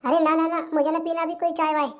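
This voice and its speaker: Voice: very high-pitched, little pitch movement, fast. Voice actor doing a fussy old village mother-in-law. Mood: fretful. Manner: fussy and dramatic, mutters asides to herself. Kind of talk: cartoon comedy voice acting.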